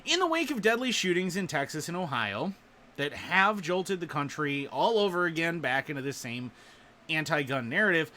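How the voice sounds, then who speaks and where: Sarcastic dude hosting his show, high voice, bright and punchy. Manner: sarcastic, animated. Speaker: show host. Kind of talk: casual political commentary.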